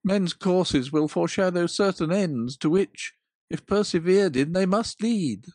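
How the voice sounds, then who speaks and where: A woman's voice: fairly low pitch, animated, measured pace, no echo, studio quality. A woman voicing Scrooge, a frightened old miser. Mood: pleading. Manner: loud, urgent, beseeching.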